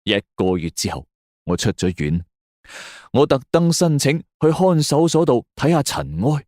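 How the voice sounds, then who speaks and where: The recording is dry and studio quality, with a music bed beneath a man narrating a scripted suspense story for an audio drama. His medium-pitched, slightly mellow voice swings widely in pitch at normal speed, carrying a Hong Kong Cantonese accent and a theatrical, suspenseful delivery.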